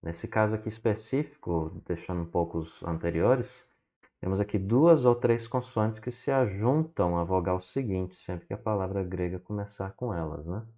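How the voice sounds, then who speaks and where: A man teaching from slides who explains slowly, checks in with "né?" and spells words out one syllable at a time. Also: low-pitched, mellow. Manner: explains slowly and often adds "né?". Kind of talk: slide lesson. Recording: dull lo-fi recording.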